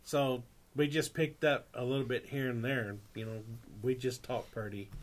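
A man from Texas, a high school teacher who is a podcast guest, talking in a laid-back, joking way. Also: normal speed. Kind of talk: casual chat.

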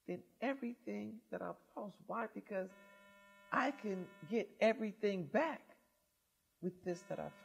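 A middle-aged male pastor preaching from a pulpit in a small church, his voice sitting high for a man. He reads scripture and explains it in an animated way, rising loud and dropping to near quiet. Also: vocal fry, slight background noise. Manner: animated, expressive, loud and soft swings. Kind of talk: sermon with gospel reading. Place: small church sanctuary, indoors.

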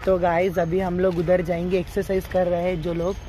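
A teenage or young man walks through an outdoor city park vlogging on a handheld phone, chatting casually in Hindi mixed with English words and calling out "guys" to his viewers again and again. His voice is high, monotone, mellow, and a little fast, with slight hiss or hum in the recording.

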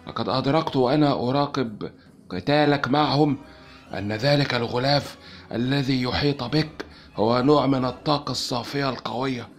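A man's voice: medium pitch, a little fast, faint music behind, voice pushed up, close to an everyday voice. A man putting on a cold sneering alien emperor. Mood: cold mocking.

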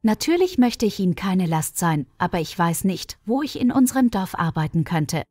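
Young pregnant village woman, quiet and resolute, as a female reader voices her. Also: on the low side, sing-song, normal speed, dry recording, clean studio sound, faint music behind. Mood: earnest. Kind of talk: storybook reading.

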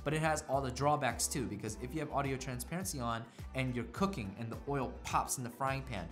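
A man's voice: mid-range voice, a little fast, over music. Enthusiastic man reviewing tech gear. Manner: enthusiastic, imitates sounds with his voice. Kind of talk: casual product review.

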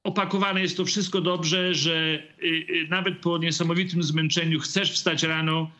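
A man's voice: on the high side, flat delivery, pushed and bright. A middle-aged man, father of a young boxer, speaking hesitantly with many fillers on a video call from a room at home. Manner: hesitant, many drawn-out fillers, mixes in English phrases. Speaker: boxer's father and team member. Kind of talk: remote interview over video call.

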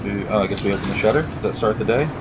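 A man casually commenting as he plays a game for the first time, chatty and sarcastic, reading on-screen text aloud on a low-quality home mic. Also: racing, very noisy. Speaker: gaming YouTuber. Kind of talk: casual let's-play commentary. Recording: loud game music behind.

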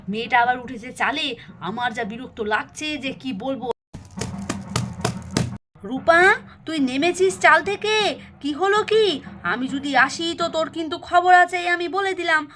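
A woman's voice: high-pitched, moderate pace, a bit bright. A woman voicing a harried young mother in a doll story, complaining in an exasperated way. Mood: irritated.

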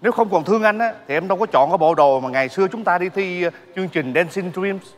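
A man's voice: high voice, quick pace, slight background noise, lightly acted. A man playing a whiny, pleading ex-husband. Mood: coaxing. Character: pleading, remorseful ex-husband begging forgiveness. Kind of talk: live stage comedy sketch. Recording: live stage with loud music and audience.

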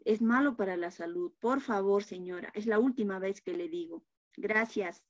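A student teacher playing a gentle preschool teacher who coaxes a child with endearments. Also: female voice, high-pitched, slow pace, no echo, voice pushed up. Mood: firm. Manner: coaxing, affectionate endearments. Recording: dull lo-fi video call audio.

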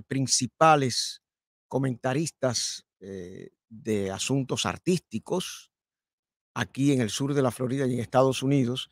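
A man's voice: mid-range voice, no room sound. An older man hosting a live radio talk show from a studio microphone, emphatic and repeating key phrases. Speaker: radio host. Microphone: studio mic with headphones.

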